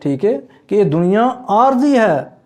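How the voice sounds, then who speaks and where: A man with a notably high speaking voice delivers a sermon. He exhorts his listeners earnestly, repeating his points and calling them brother. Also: big pitch swings, unhurried, warm tone. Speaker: preacher.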